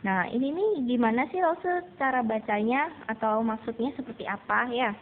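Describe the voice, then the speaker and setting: A woman teaching a beginner Mandarin lesson to students, patiently explaining and repeating drills slowly. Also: on the high side. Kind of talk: recorded classroom lesson. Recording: tinny phone-like recording with faint noise.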